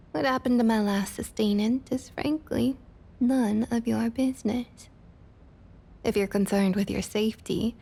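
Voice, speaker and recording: Husky and breathy, frequently dropping to a half-whisper, a mid-range female voice brings to life a domineering vampire councilwoman in scripted ASMR roleplay. This centuries-old character is a coolly possessive Southerner who speaks with a drawling Southern US accent. Her mood is stern and quietly menacing, her manner condescending and intimate.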